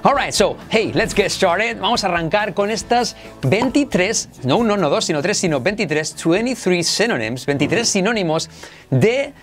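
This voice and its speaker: Animated teacher from Spain. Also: male voice, high-pitched, soft background music. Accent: Spain Spanish. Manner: enthusiastic, self-described exaggerated, drills words slowly for repetition. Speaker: English teacher. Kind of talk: online language lesson.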